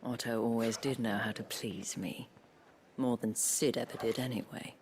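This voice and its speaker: Slow, breathy, seductive game madam. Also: female voice, very deep voice, steady tone, darkish tone, a little hiss or hum. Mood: teasing, haughty. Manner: slow, deliberate, breathy delivery dropping to near whisper. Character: poised, seductive brothel madam, teasing and calculating. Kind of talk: scripted video game acting.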